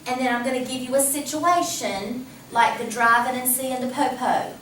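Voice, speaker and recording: A woman math teacher giving a lively classroom lecture, talking casually and asking the class questions. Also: high-pitched, normal speed. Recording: echoey classroom from a distance, faint hum.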